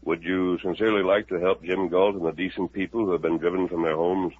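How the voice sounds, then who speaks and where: An actor playing the Lone Ranger, a calm, resolute masked hero, speaking in a steady, persuasive way in a 1950s radio drama. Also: male voice, low-pitched, quick pace, slightly rough. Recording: tinny narrow old radio recording.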